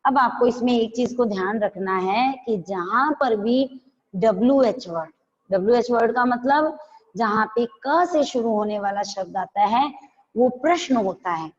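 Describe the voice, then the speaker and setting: A woman's voice: a little high, measured pace, in a large hall, highs cut off. A woman teacher, giving an online class and patiently explaining step by step, asking questions back.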